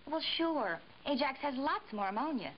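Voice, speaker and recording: A confident housewife gives helpful advice in a vintage TV commercial. Her voice is somewhat high and lively. The soundtrack is dull. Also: normal speed. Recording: muffled hissy vintage TV soundtrack.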